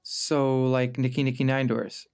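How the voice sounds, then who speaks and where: A man's voice: medium pitch, level tone, unhurried, darkish tone, clean tone, lightly acted. A man playing a desperate, respectful shopkeeper in a comedy sketch, speaking in an earnest, deferential way. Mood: let down. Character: desperate, deferential butcher begging a mob boss. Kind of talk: comedy sketch acting, mafia parody. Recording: music playing under the voice.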